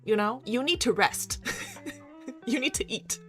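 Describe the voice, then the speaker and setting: Lively rambling woman streamer. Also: on the high side, slow pace. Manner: rambling, circles back, laughs often. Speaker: psychiatrist and streamer. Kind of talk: casual live-stream chat. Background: faint background music.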